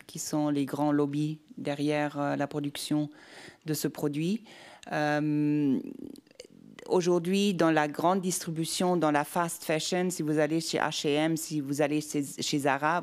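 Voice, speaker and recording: A woman speaking unscripted at a round-table discussion, deliberate and hesitant, repeating words as she formulates her point. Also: sits low, a little mellow. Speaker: panel speaker.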